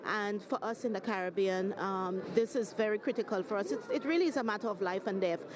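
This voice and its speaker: A woman speaks in an earnest, grave tone at a middle pitch. A crowd clearly chatters behind her in the hall. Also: a little fast. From Saint Lucia. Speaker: activist. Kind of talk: interview statement.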